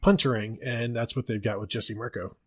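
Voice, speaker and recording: A man's voice: medium pitch, steady tone, a little fast, breathy edge. A man with an American accent hosting a casual sports podcast, joking and rambling through asides. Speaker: podcast host.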